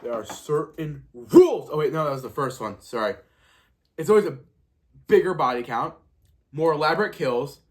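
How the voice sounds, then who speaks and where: Animated man reviewing a movie solo. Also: fairly high pitch, fairly quick, pauses often. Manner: animated and sarcastic, doing mock audience reactions. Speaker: podcast host.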